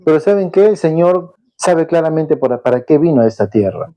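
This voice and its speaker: A man's voice: fairly high pitch, expressive, a little fast, warm tone, poor audio. A man preaching a sermon as pastor, impassioned, often restarting his words.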